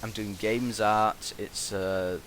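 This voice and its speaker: Low-voiced young British man, casually rambling. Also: steady tone, slow pace, fairly bright tone. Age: young adult. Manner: hesitant, meandering. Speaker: gaming video commentator, university student. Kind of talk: casual rambling vlog commentary. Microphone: gaming headset. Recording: constant buzzing, hissy background noise. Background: constant buzz and hiss.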